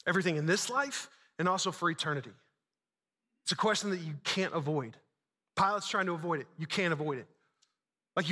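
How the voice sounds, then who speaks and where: A man's voice: high-pitched, sharp tone. A man preaching a conversational church sermon in informal, slangy wording, emphatic, with repeated phrases and rhetorical questions. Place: large reverberant indoor church space. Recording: hall reverb on the voice.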